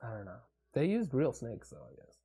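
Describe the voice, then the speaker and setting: A man with a dark, mellow voice and a slightly husky edge talks movies in a loose, excited way. He swears freely, laughs a lot and acts out favorite lines. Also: mid-range voice, brisk. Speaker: podcast co-host. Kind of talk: casual movie review chat.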